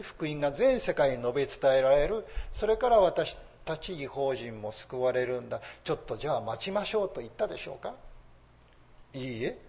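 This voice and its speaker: Lively Japanese-speaking male preacher. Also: on the high side, vocal fry. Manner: lively preaching, rising emphasis on key phrases. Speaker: pastor. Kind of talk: sermon.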